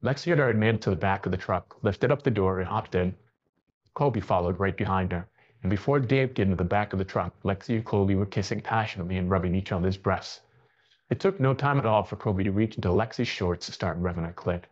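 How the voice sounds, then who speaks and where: Low-voiced man reading a story. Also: fast, muffled recording. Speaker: narrator.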